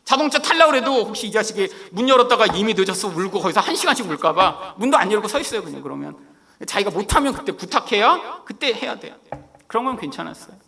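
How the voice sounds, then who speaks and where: A middle-aged male pastor from Korea preaching with a high, lively voice that leaps up and down. The tone is bright and forceful with a gravelly edge. He tells his story animatedly and acts out the lines he quotes. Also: fast. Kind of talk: sermon with personal storytelling.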